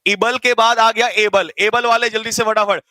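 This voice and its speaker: Guy teacher, high voice, bright and punchy, teasing his class, dry close mic. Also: no room sound, rough recording. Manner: teasing, energetic, quizzes students rapid-fire. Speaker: English grammar teacher. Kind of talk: live online class teaching.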